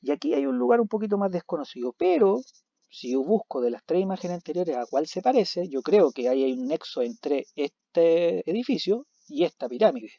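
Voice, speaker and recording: A man teaching a recorded video lesson, animated, asking questions and answering them himself. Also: a little high, normal speed, no room sound. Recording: dull lo-fi recording.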